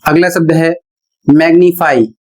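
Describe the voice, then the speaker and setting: A woman's voice: sits low, a little slow, a little mellow. A woman teacher explaining English pronunciation rules in a classroom-style lesson, spelling words out letter by letter.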